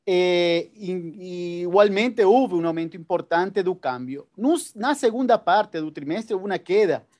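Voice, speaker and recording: A man, a company executive, answering analysts on an earnings call in a measured, explanatory way. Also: high-pitched, lively intonation, a little mellow. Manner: measured, explanatory, Spanish slips.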